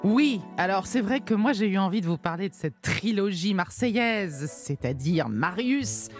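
A woman presenting a radio segment as columnist, in a steady, explanatory way. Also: medium pitch, normal speed, over music.

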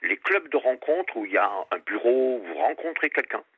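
An older man from La Réunion, France, phones a radio show and speaks candidly, earnest and outspoken, over a muffled line. His mid-range voice is sing-song, fairly quick and slightly rough, in a dry recording.

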